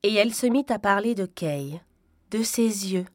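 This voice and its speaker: A woman reading a fairy tale aloud in a calm, expressive storytelling voice. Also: medium pitch, normal speed, dry recording, clean studio sound.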